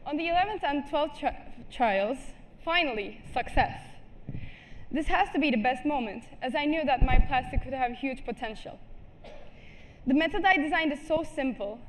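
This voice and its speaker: Speaking through a headset mic on a large stage, a Turkish teen girl gives her prepared student talk to a seated audience. Her high-pitched voice carries earnest small restarts and apologies, and a little hiss or hum sits under the recording.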